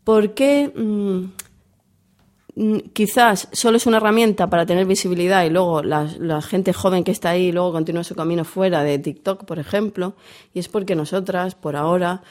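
Hoarse woman with a cold. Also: fairly low pitch, steady tone, moderate pace, a little mellow. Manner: candid, chatty, self-deprecating. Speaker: comics author and editor. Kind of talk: casual interview.

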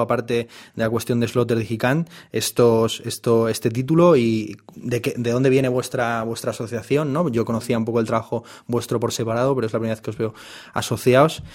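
A man leads an interview in long, winding sentences. His voice sits at an ordinary pitch and he restarts phrases often while he thinks. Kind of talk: thoughtful conversational interview.

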